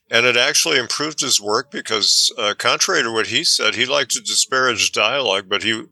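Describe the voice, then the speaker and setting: Tinny tin-can-sounding man, sharp and bright. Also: on the low side, vocal fry, no room sound. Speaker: interview guest, author and film professor. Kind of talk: conversational interview. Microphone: poor makeshift microphone. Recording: tinny, poor microphone setup.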